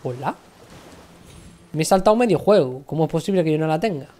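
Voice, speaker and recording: A woman's voice: animated, a little fast, dark tone. Dramatic, swearing Spanish woman streamer. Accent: Spain Spanish. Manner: chatty, swearing, dramatic complaining with big pitch jumps. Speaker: game streamer. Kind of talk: live game stream commentary.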